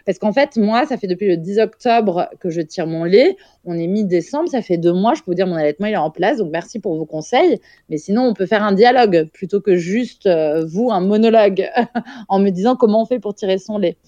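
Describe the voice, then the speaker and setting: A woman's voice: mid-range voice, expressive, fairly quick, warm tone, dry recording, highs cut off. A woman in her thirties, a podcast guest, telling a personal story frankly and vividly, with casual swearing.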